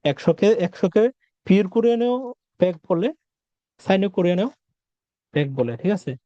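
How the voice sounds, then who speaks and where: A man's voice: sits high, lively intonation, brisk, warm tone, dry recording. Patient man teaching vocabulary, dull sound. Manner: patient, repeats and quizzes the listener. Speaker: Korean language teacher. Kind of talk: vocabulary lesson.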